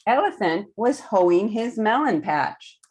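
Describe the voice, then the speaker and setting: A woman with an expressive, medium-pitched, slightly mellow voice reads stories to little ones over video, taking it slowly. Her language is simple and encouraging, and the read-aloud is animated throughout.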